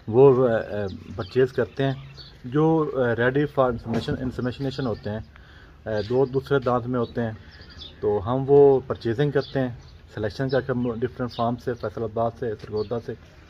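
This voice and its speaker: A dairy farmer, explaining his heifer business in a steady, unscripted way with frequent hesitation sounds. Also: mid-range voice, a little hiss or hum. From Pakistan. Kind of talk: unscripted interview answers. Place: outdoors at a farm. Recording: slightly dull outdoor recording.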